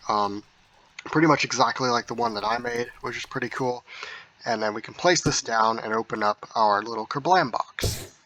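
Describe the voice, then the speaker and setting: A man casually walking through a game mod update, rambling with frequent ums, heard through low-quality audio capture. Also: normal speed, sharp tone, slight background noise. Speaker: mod review video host. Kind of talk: casual gameplay walkthrough.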